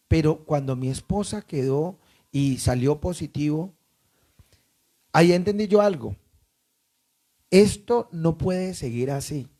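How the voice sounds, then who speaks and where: A man's voice: on the high side, dark tone. A man from Colombia who pastors a church, preaching emphatically and asking the congregation questions.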